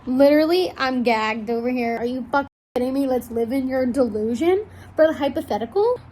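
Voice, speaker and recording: High-voiced, dramatic woman book vlogger. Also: brisk, a little mellow, slight background noise. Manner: dramatic, gasping, swearing reactions. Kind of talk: reading vlog reactions. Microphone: wireless earbuds.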